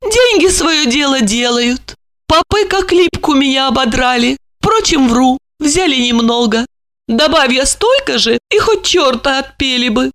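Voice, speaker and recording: A shrill, theatrical rich widow, as a woman puts her on, swooping high and loud through her complaints. She sighs, exclaims and sounds mannered and self-pitying, like a figure from a spoken storybook. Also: lively intonation, unhurried, heavily acted. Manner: affected, sighing, exclaiming.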